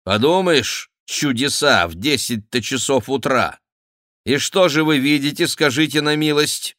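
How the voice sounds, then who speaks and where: A man's voice: mid-range voice, unhurried, a bit bright, no room sound, studio quality, voice pushed up, close to an everyday voice. A man reading an audiobook, voicing a mocking, politely insolent young nobleman in an ironic, teasing tone. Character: mocking cool young male courtier, a nobleman.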